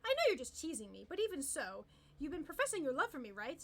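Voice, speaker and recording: A woman's voice: high-pitched, big pitch swings, fast, slight background noise. A woman reading aloud, putting on the voice of a haughty, prickly young noblewoman who talks down to others. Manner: cold, scolding, dismissive.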